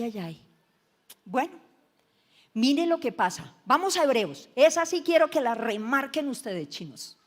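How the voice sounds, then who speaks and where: A woman pastor with a Colombian accent preaching a sermon, telling a story in a lively, humorous way with chatty asides to the congregation. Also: on the high side. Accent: Colombian Spanish. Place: church. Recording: echoey church hall.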